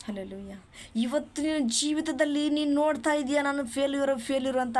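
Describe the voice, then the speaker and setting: Woman, preacher, sermon, fairly high voice, exhorting, addresses the listener directly. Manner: exhorting, often saying hallelujah softly; speaks straight to the listener as you.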